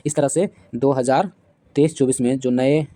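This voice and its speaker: Guy running a quick exam-prep class, keeps asking "what is it?" and repeating answers, mellow tone, dry close mic. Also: mid-range voice, steady tone, no room sound. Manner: drills facts with repeated quiz questions; slows down to spell out names. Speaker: current affairs teacher.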